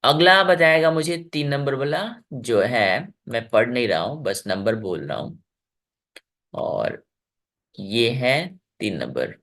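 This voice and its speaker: A male English teacher leads an online class for children, cheering on his students and slowly stretching out words so they can hear each sound. His voice rises and falls a great deal as he explains. He sounds like a young adult. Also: medium pitch, sing-song, a bit bright. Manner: encouraging, drawn-out word demonstrations.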